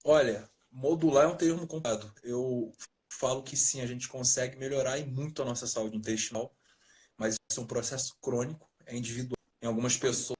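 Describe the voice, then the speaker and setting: A man from Rio de Janeiro state, a nutritionist guest, explaining things in a relaxed, jokey way over a video call from his parents' house. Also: mid-range voice, brisk. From Rio de Janeiro state, Brazil. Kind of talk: casual interview talk.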